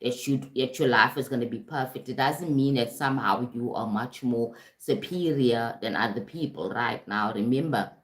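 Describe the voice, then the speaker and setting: A woman's voice: rumbling low, moderate pace, hardly any pauses, echoey room. A South African woman, a life coach, giving a casual live-streamed talk and often checking in with "right?" and "you understand?". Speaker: life coach and motivational speaker. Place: home in Durban, streaming.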